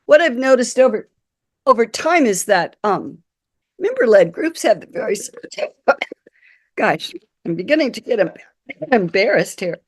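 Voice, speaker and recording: A woman with a croaky, nasal voice from a cold, giving a webinar talk as a guest speaker over a video call, apologetic and clearing her throat. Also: a little high, big pitch swings, measured pace, pauses often, dry recording, clean studio sound. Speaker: guest speaker, community consultant.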